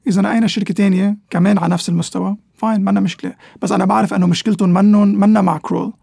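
Fast, high-pitched man, Lebanese Arabic accent. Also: fairly even intonation, gravelly, dark tone, no echo, clean studio sound. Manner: mixes English terms into Arabic. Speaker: interview guest, economic analyst. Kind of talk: conversational expert explanation.

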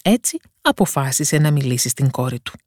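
A woman storyteller giving a scripted fairy-tale narration in a calm, measured way. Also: extremely low pitch.

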